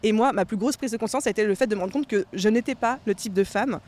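Woman, podcast co-host, rapid pace, casual chat, English slang mixed in. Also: medium pitch. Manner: fast, animated, sprinkles English slang words.

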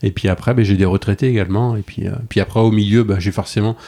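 A man's voice: lowish voice, steady tone, quick pace, warm tone. A man in his forties, a travel blogger, chatting casually as a podcast guest with many restarts and fillers. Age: 40s. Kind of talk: casual conversational interview.

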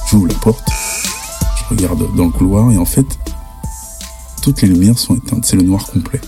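A young man from France telling a spooky personal anecdote in lively, slangy casual speech. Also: deep voice, moderate pace, faint music behind. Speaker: storyteller.

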